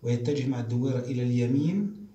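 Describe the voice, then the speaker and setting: A man, teaching the alphabet to first graders in a slow, repetitive drilling style. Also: mid-range voice, mellow. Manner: slow, drawn-out syllables and repeated drills. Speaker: primary school teacher. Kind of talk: recorded classroom lesson for young children. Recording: echoey room, voice off-mic.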